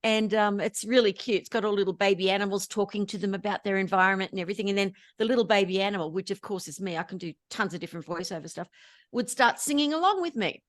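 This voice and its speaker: An Australian woman telling lively stories as an interview guest, often laughing between anecdotes. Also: medium pitch, quick pace, no echo, clean studio sound. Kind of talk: storytelling in casual interview chat.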